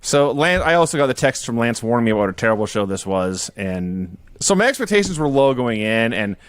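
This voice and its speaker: A man's voice: mid-range voice, fairly quick, clear, resonant tone, no room sound. A man hosts a casual chat show and tells stories with a lot of movement in his voice. He pokes fun at himself as he goes. The sound is dry and close, with no room around it. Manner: animated, self-mocking storyteller. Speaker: podcast host. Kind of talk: casual chat recapping old wrestling shows.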